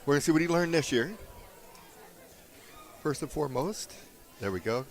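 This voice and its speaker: A man's voice: a little high, animated, normal speed, some chatter behind. Man, stream commentator. Easygoing sideline interviewer who laughs and teases, at a bowling alley. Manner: laughs often, friendly teasing questions.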